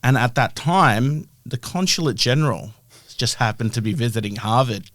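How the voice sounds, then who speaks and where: A man's voice: medium pitch, normal speed, a bit bright, no echo. Man with a broad Australian accent, dry close sound. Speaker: interview guest, health-tech founder. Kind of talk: conversational interview, explaining his work.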